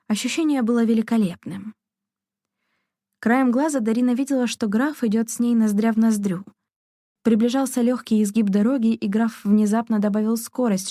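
In a mellow, mid-range voice, a female audiobook narrator reads a novel as scripted narration. There is no room sound, and the studio audio is clean.

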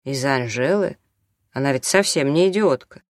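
A man's voice: medium pitch, animated, moderate pace, dry recording, clean studio sound, lightly acted. A man doing a brash, bossy drinking doctor. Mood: offhand. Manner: jokey, bossy, offhand. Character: brash, hard-drinking male doctor, middle-aged. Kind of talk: audiobook character reading.

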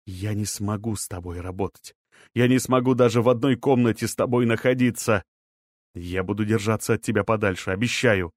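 Audiobook: male reader as a distraught, sharp-tongued woman, raised voice, dry booth sound. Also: fairly low pitch, a little fast, no room sound, close to an everyday voice. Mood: shaken. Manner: sharp, furious, breaking off. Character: angry distraught grown woman.

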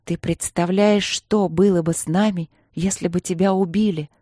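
A woman voicing a furious elder sister who shouts, stern and drawn out. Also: fairly low pitch, steady tone, normal speed, no echo, studio quality, lightly acted. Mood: grim.

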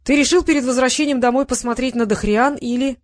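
A woman voicing a big fatherly male dragon, gruff but good-natured. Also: high voice, fast, voice pushed up, close to an everyday voice.

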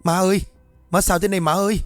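A man doing a high, frightened young girl. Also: level tone, fast, dry recording, soft background music, lightly acted. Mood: panicked. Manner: high panicked crying out.

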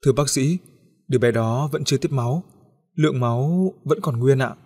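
Guy playing shy polite nurse, husky, only a little higher. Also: normal speed. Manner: soft-spoken, polite. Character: timid young nurse, soft-spoken.

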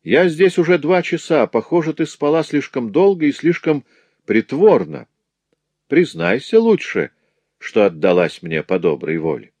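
A man's voice: a little high, sing-song, unhurried, a little mellow, no room sound, pitched above the performer's own voice. A man reading a story aloud, voicing a lecherous male master who mocks and threatens a young woman. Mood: sneering menace. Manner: sneering, taunting.

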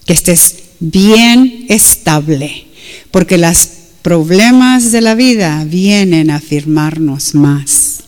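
A woman's voice: on the low side, a little mellow. Woman, preacher, emphatic, repeats herself, bilingual, reverberant hall. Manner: switches between Spanish and English, emphatic and repetitive. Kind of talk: sermon.

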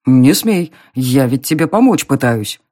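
A narrator playing a smug young nobleman who mocks and teases in an audiobook reading, with a slow, drawling, low delivery. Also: big pitch swings, a little mellow. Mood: mocking.

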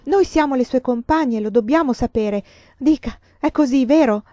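A desperate, pleading teenage schoolgirl, voiced by a woman reading aloud. Her voice sits high and pushes loud. The recording is dry and a little dull. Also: lively intonation, a little fast, dry recording, lightly acted. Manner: pleading, urgent. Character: anxious, insistent teenage schoolgirl.

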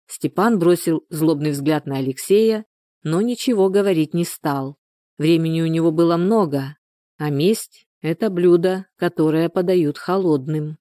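An audiobook narrator reading prose in an even, measured voice of middle pitch. The recording is close and dry, with no room sound. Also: no room sound.

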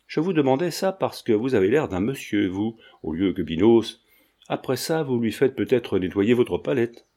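Chatty, meddling old landlady with a mellow low voice, read by a male narrator in a storybook reading. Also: lively intonation, moderate pace, natural voice. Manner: talkative, familiar, insistent.

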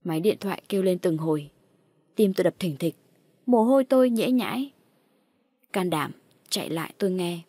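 A woman's voice: lowish voice, animated, moderate pace, long pauses, warm tone, slightly rough, dry recording. A woman narrating a first-person horror audiobook in a dramatic, tense storytelling manner.

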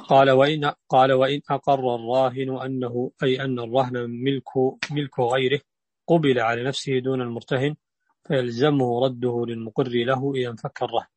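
A male student reads a classical legal text aloud in a measured, formal cadence. The recording is dry and close, with no room sound. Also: mid-range voice, flat delivery, a little mellow, no room sound.

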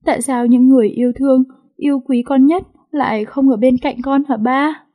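A woman voicing a tough young heiress who pleads tearfully, her voice pitched up and breathy. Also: fairly even intonation, moderate pace, dark tone. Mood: tearful, pleading. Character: young heiress, tough but grief-stricken daughter.

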